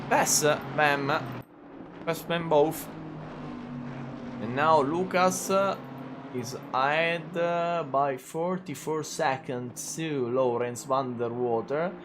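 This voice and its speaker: Speaking with a somewhat high voice over background noise, this Italian-born man, whose first language is Italian, casually commentates a live sim race. He's nursing an injured shoulder. His talk stumbles along with lots of "uh"s and false starts, though he stays talkative and laughs a lot.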